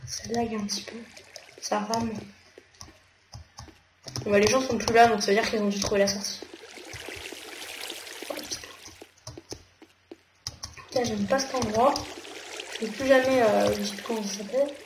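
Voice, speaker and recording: A woman's voice: a little high, fairly even intonation. Chatty French woman narrating gameplay. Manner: chatty, thinking aloud, quick exclamations. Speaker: gamer. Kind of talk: casual gameplay commentary. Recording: echoey room with noticeable noise.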